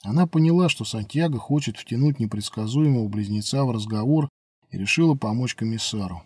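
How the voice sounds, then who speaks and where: Husky dark-voiced man reading a novel. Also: a little fast, no room sound, studio quality. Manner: steady storytelling read, voices characters by lifting pitch. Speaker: audiobook narrator. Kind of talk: scripted narration.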